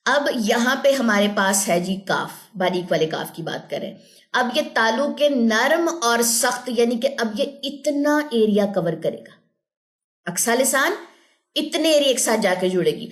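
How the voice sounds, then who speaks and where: Young woman tajweed teacher with a fairly high voice, patient and methodical, drills sounds slowly. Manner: explains step by step, checks understanding with "theek hai ji"; drills syllables slowly and drawn out. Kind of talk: online lesson.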